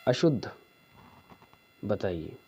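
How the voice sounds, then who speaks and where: A man teaching a spelling lesson for exam preparation, going slowly through each answer and checking in with "theek hai". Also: lowish voice, big pitch swings, warm tone, breathy edge. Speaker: Hindi teacher.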